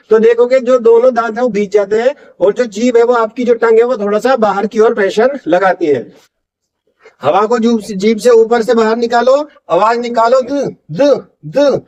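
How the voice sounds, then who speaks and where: A man teaching English pronunciation in a classroom-style lesson, drilling words by slow repetition and answering his own questions. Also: extremely high pitch, darkish tone, dull audio. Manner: asks questions and answers them himself.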